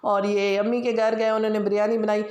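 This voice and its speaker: In an echoey room, a woman talks a little fast, her mid-range voice level and slightly mellow despite a scratchy, sore throat. She's a Pakistani vlogger with a Punjabi accent, casually going over her household routine. The chat wanders, heavy with fillers, like a relaxed daily voice-over.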